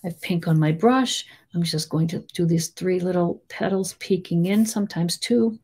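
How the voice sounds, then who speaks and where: A woman with a Boston accent giving a chatty, rambling step-by-step painting tutorial, full of gentle little asides. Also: fairly low pitch, moderate pace, breathy edge. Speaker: painting teacher.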